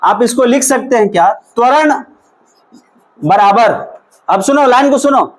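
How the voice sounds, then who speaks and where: A man's voice: very high voice, animated, a little slow, poor audio. A male teacher giving a physics lesson in a classroom, quizzing his students and repeating each question and answer back to them.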